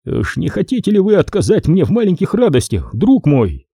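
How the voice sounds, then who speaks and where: A man's voice: on the high side, huge pitch swings, normal speed, gravelly, mellow, breathy edge, no room sound, clean studio sound, voice pushed up, exaggerated voice. A man reading an audiobook voices a depraved, scheming middle-aged major who speaks with cold irony and condescension. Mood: mocking. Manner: ironic, condescending.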